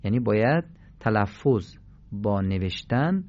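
A man's voice: on the low side, expressive, darkish tone, muffled recording. A man teaching Quran recitation in a radio lesson, patiently demonstrating letter sounds with emphatic repetition.

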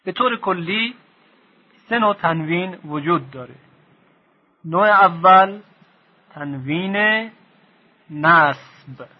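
Male recitation teacher, husky and a little high, patient repetitive lesson delivery on a dull lo-fi tape. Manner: slow, repeats definitions, drills sounds aloud. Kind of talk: recorded lesson.

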